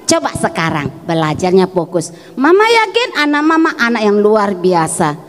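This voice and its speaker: A woman's voice: medium pitch, sing-song, normal speed, pitched below the performer's own voice, lightly acted. A woman voicing a tender mother comforting her child. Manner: soothing, coaxing. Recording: echoey hall.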